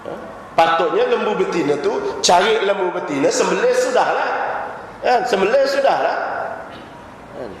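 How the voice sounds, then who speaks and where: A man's voice: high-pitched, animated, moderate pace, long pauses. A man with a Malaysian Malay accent giving a sermon as a religious teacher, telling stories and asking the audience rhetorical questions. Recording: very echoey hall recording, faint noise.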